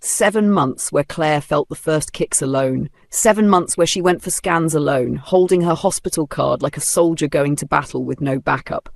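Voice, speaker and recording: A man's voice: a little high, normal speed, gravelly, few pauses, no room sound, clean studio sound. A man with a Nigerian accent narrating a dramatic story with playful, humorous asides.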